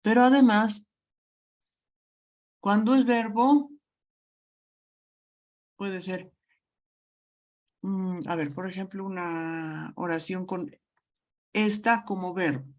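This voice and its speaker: Unhurried woman teacher, mid-pitched, patient check-ins with students. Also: darkish tone. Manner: slow, patient explaining with frequent check-ins. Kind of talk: online grammar lesson.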